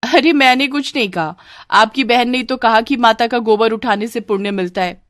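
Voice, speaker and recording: Woman as a cheeky cartoon bride, higher voice, mocking sweetness, dry close sound. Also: a bit bright, no room sound, close to an everyday voice. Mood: teasing. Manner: teasing, quick-witted back talk. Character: cheeky young newlywed daughter-in-law. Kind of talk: cartoon story voice acting.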